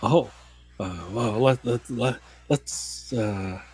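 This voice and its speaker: A man voicing a modest male scientist who speaks in a halting, flustered way in a tabletop game. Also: mid-range voice, a little mellow, slightly rough, voice pushed down, full character voice. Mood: flustered, hesitant.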